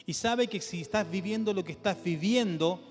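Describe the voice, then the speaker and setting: A Chilean man preaches from the pulpit in a notably high voice, moving from lively questions to the congregation to hushed, low emphasis. His voice rings through a church hall with a long echo. Soft music plays faintly underneath. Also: moderate pace. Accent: Chilean Spanish. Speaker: pastor. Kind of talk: sermon.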